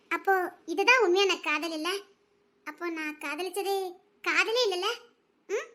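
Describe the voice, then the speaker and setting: A guilt-stricken young wife whose very high, thin voice trembles as she talks. She pleads through tears, and her words keep cracking into nervous, shaky laughs. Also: a bit bright. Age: young adult. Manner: tearful, remorseful, voice breaking into shaky laughs. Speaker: young wife in a drama series. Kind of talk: emotional drama acting.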